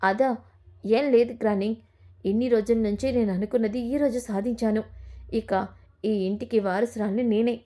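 Woman voicing ruthless young heiress, cold, defiant, fairly high voice. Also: steady tone, normal speed, pauses often, mellow, natural voice. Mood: smug. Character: cold, ruthless young granddaughter plotting for inheritance.

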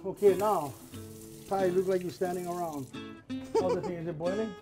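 A man's voice: high voice, moderate pace. An older man, a chef giving short, jokey cooking instructions in a home kitchen. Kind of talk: casual cooking demonstration. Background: guitar music.

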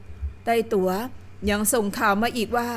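A woman's voice: fairly high pitch, fairly even intonation, unhurried, lightly acted. A woman reading the part of a male court official who reports formally and deferentially to his lord. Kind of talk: audiobook character reading.

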